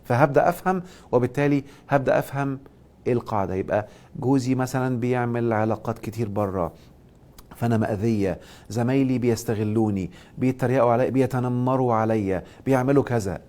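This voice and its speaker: A man with an Egyptian Arabic accent hosts a live social media stream, giving a motivational and religious talk and answering viewers' questions. Speaking fast at medium pitch, he emphasizes points loudly, then slips into soft asides.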